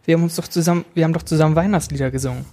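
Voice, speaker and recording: A man's voice: on the high side, steady tone, racing, voice pushed up, close to an everyday voice. A man voicing a patient mother who reassures her child in a storybook reading. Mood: reassuring. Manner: reassuring, gentle.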